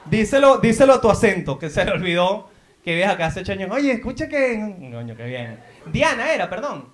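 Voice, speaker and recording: Teasing Venezuelan comedian, a bit high. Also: male voice, very animated, fairly quick, echoey room. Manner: teasing, playful banter. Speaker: stand-up comedian. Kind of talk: crowd work. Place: theater in Madrid.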